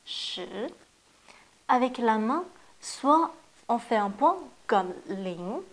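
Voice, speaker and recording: A woman teaches a language lesson at an unhurried pace. Her voice sits a little high, and she sounds out each word deliberately before explaining it. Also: animated. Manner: slow, careful modeling of pronunciation. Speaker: Chinese teacher. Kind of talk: classroom lesson.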